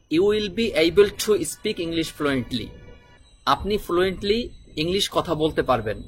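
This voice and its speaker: A man teaching English vocabulary, repeating each word and spelling it out slowly letter by letter. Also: on the high side, fairly bright tone, slight background noise. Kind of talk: vocabulary lesson.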